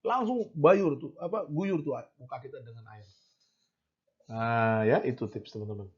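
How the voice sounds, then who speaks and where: A man's voice: medium pitch, moderate pace, husky. A man giving an informal devotional talk, addressing listeners directly and acting out little quoted remarks. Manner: conversational, addresses audience directly, acts out quotes. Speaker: preacher. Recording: dull lo-fi sound.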